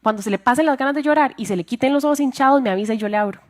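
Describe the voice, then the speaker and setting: A woman with a Costa Rican accent voicing an angry young boyfriend who yells cutting insults. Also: sits high, very fast, pitched above the performer's own voice, lightly acted. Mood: cold scolding. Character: angry young man, a harsh scolding boyfriend.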